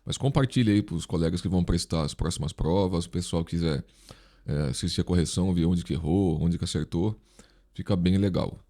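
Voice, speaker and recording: Speaking fairly quickly in a low-pitched, warm voice, this Brazilian instructor and online video host leads a casual exam review lesson. His words come out slightly impeded because he's wearing a dental retainer.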